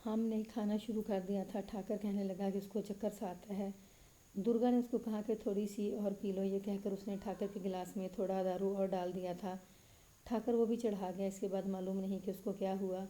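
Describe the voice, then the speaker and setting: Flat-voiced woman reading a story. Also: rough recording. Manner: steady, even reading with little pitch movement. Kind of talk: scripted story narration.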